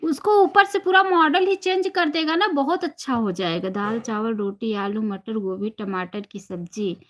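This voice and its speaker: A woman from Uttar Pradesh with an Awadhi-flavored Hindi accent, hosting a live stream and chatting casually with viewers, greeting them by name and softly repeating blessings. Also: fairly high pitch, unhurried. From Uttar Pradesh, India. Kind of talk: casual live-stream chat reading comments.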